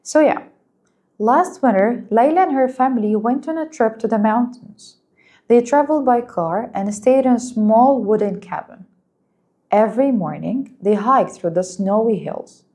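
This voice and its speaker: A woman whose first language is Arabic teaching an English lesson, speaking slowly and clearly and praising her students. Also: on the high side, dark tone. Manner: patient, encouraging, slow and clear, explains in Arabic too.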